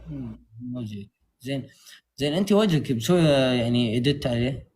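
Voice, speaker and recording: Fairly quick and medium in pitch, a Saudi-accented man from Tabuk, Saudi Arabia, trades casual, joking banter on a livestream. His manner is animated and playful.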